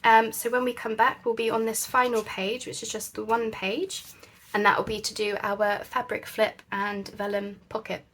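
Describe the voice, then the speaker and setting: A woman's voice: on the high side, little pitch movement, normal speed, few pauses, fairly bright tone, slight background noise. A woman chatting casually as she works on a craft project, thinking aloud with lots of fillers. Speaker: crafting channel host.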